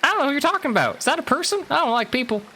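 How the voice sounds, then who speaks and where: A man voicing a grumpy, selfish little blue bird that talks high and snippy. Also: sing-song, rapid-fire, bright, forceful tone, a little hiss or hum, heavily acted. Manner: snippy, dismissive.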